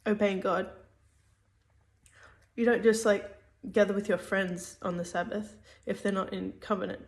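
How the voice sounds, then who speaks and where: A woman's voice: medium pitch, steady tone, unhurried. A woman giving a casual spoken religious teaching, hesitant, with many fillers and restarts.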